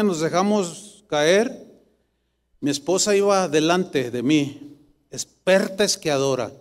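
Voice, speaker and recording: A middle-aged man preaching a sermon as pastor, animated and rising to emphatic bursts. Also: on the high side. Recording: long church reverb.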